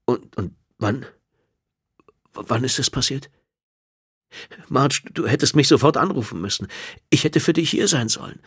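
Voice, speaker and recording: A man voicing a shocked man who stammers and speaks haltingly, close to a whisper. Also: mid-range voice, lively intonation, slightly rough, pitched above the performer's own voice. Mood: shaken.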